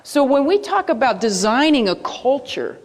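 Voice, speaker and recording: A woman giving a live presentation, lively and asking her audience questions as she goes. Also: high-pitched, normal speed. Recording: long hall reverb.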